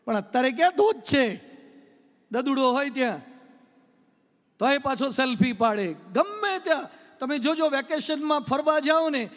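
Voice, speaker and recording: High-voiced monk preaching in a hall. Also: male voice, expressive, unhurried, long pauses, a bit bright. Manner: storytelling, playful, mimics people. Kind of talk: humorous sermon with anecdotes. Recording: long hall reverb.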